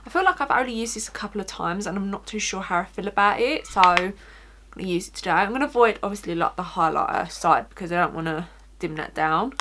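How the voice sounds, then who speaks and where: A woman with an Essex accent chats through a makeup tutorial in a casual, informal way. Her voice sits at a medium pitch. She talks like a beauty vlogger, loosely and conversationally, peppering her sentences with "like". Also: expressive, fast, pushed and bright, slight background noise. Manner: informal, chatty, frequent "like".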